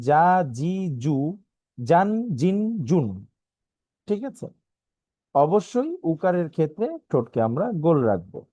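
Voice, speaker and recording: A man teaching a free online class, recapping lessons and slowly drilling letter sounds one by one, often asking the class to check along. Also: on the high side, warm tone, no room sound. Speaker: Quran language teacher.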